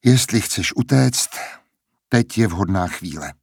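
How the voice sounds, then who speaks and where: A man's voice: fairly low pitch, animated, gravelly, a little mellow, breathy edge, dry recording, clean studio sound, exaggerated voice. A man voicing a defiant, blunt young woman in an audiobook reading. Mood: bitter. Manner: firm, blunt. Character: defiant young woman singer, sharp-tongued.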